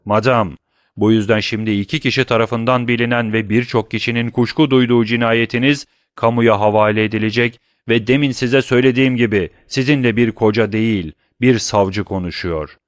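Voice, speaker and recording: A man's voice: medium pitch, steady tone, a little fast, no echo, studio quality, lightly acted. A man voicing a stern middle-aged male prosecutor in an audiobook, accusing in a cold, cutting manner. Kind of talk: audiobook reading.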